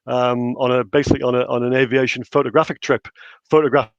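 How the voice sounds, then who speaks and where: A middle-aged man with an educated Northumberland accent, talking in a measured way as a guest in a casual conversation. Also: mid-range voice, level tone, no room sound. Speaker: interview guest, researcher and author. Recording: slightly dull, band-limited call audio.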